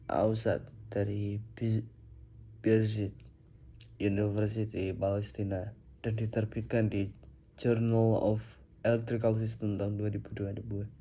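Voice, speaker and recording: A man's voice: lowish voice, warm tone. A young man, an engineering student, reading a recorded slide presentation steadily, with occasional slips and restarts. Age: young adult.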